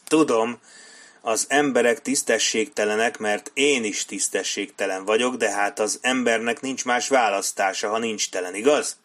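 A man's voice: lowish voice, a bit bright, lightly acted. A man doing a cold, menacing soldier. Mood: bitter. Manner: blunt and coldly threatening. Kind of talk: audiobook character voice.

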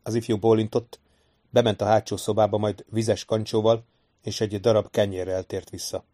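A man narrating a fantasy novel as an audiobook reader, in an even, unhurried storytelling voice. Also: on the low side. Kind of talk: scripted narration.

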